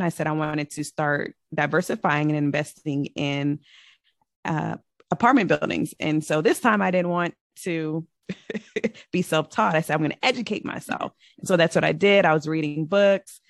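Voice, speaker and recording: A woman's voice: deep voice, no room sound, clean studio sound. A woman from Virginia, a podcast guest, telling her story in an upbeat, chatty way. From Virginia, United States. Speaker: podcast guest, real estate investor. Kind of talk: casual interview talk.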